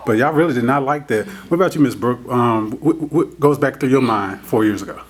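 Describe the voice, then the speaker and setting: A man's voice: medium pitch, fairly quick. Man interviewing students. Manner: friendly, uses y'all, chuckles between questions. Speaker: newspaper editor interviewing students. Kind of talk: casual interview.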